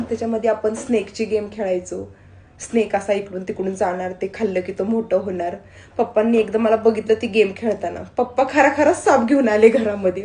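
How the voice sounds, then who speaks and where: Young woman comic, high bright voice, boastful tall-tale sketch delivery, echoey room sound. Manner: boastful, tall-tale exaggeration with deadpan punchlines. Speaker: comedy creator. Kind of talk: comic bragging sketch monologue. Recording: roomy echo.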